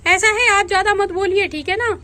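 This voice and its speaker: A woman voicing a sharp-tongued, bossy older village aunt in a doll storybook. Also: extremely high pitch, brisk. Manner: scolding, bossy.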